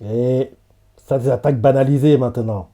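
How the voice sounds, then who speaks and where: A man's voice: medium pitch, fairly even intonation, moderate pace, warm tone. A man streaming a live anime reaction, chatting casually with lots of fillers and frequent laughter. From French-speaking.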